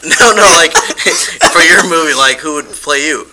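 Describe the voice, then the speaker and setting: A man hosting a podcast, laid-back, joking and slangy as he asks quick questions. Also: a little high, over a noisy crowd, poor audio. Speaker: podcast host. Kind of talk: casual podcast interview.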